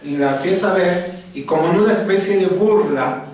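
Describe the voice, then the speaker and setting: High-voiced preacher in echoing hall. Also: male voice, normal speed, darkish tone. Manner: repetitive, dramatic storytelling with chanted repeats. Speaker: pastor. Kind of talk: storytelling sermon. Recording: very echoey hall, distant mic.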